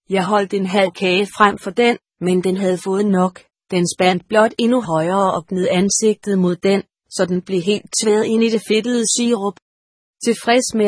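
Breathy woman narrating an audiobook. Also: mid-range voice, a little mellow, dry recording, clean studio sound. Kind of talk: first-person audiobook narration.

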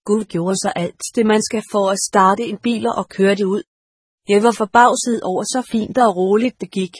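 Husky woman reading a story. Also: mid-range voice, steady tone, no echo, studio quality. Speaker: audiobook reader. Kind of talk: storybook narration read aloud.

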